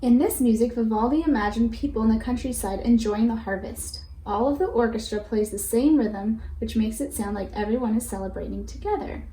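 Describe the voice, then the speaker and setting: A woman teacher reads a children's picture book aloud, explaining as she goes and prompting listeners with questions. Her voice sits on the high side, and she speaks briskly with few pauses. The recording has a roomy echo and faint background noise.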